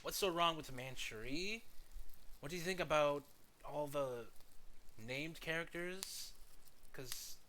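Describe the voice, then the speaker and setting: A man's voice: a little high, slow, long pauses, bright, forceful tone, a little hiss or hum, low-quality recording. A man giving casual reaction commentary in an incredulous, exasperated, argumentative way. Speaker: reaction show host.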